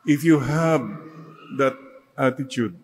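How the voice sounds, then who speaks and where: A priest with a Filipino accent preaches in a slow, deliberate way, switching between Tagalog and English. He leads his listeners in call-and-response. His voice sits at a mid pitch and rings out with a long church reverb. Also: slight background noise. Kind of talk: sermon.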